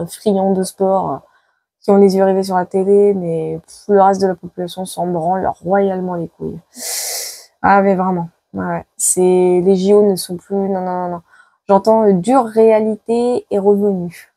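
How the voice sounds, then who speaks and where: In a live tarot prediction video, a woman psychic makes dramatic predictions, repeating herself with lots of exclamations and sounding worn out by the heat. Her voice is mid-range and dark in tone, with no echo.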